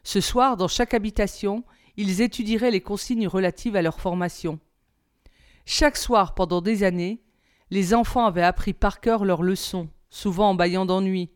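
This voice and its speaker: A woman reads a novel aloud as a teacher, in calm, even storybook narration. Her voice is smooth and clear, sitting at a middle pitch. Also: normal speed.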